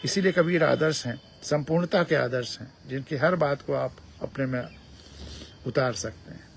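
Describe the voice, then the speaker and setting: A man giving a measured spiritual discourse, repeating phrases for emphasis as he explains a teaching. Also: medium pitch, vocal fry, faint music behind. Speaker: spiritual speaker.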